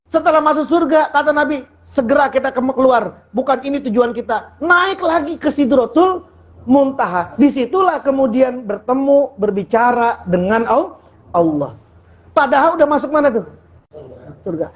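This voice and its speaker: A man's voice: very high voice, lively intonation, normal speed, lo-fi sound. A man preaching an informal Sufi sermon in a colloquial, joking way, often putting questions to the audience. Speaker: Islamic preacher.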